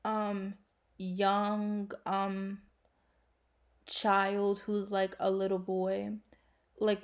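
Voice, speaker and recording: Slow, gravelly-voiced ranting woman. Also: mid-range voice, a little mellow. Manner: blunt, profane ranting with slang. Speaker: faceless YouTuber. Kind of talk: ranting casual vlog.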